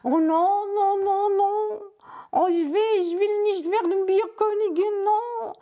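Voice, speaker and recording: A woman's voice: very high-pitched, steady tone, slow pace, warm tone, voice pushed up. A woman puppeteer voicing a silly crocodile who whines, speaks in broken grammar and loves eating books. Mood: whiny. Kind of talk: Bavarian puppet show.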